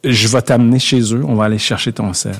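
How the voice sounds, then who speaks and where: A man's voice: mid-range voice, steady tone, quick pace, creaky. Rambling Québécois man telling a story. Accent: Québécois French. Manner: self-mocking, rambling with restarts and laughs. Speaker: podcast guest. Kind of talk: casual storytelling chat.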